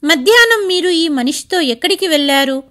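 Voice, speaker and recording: A cold, contemptuous daughter-in-law , as a woman storyteller puts her on, with a high, scornful and accusing tone. She sits close to the narrator's own voice in a spoken family story. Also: expressive, a little fast, a bit bright.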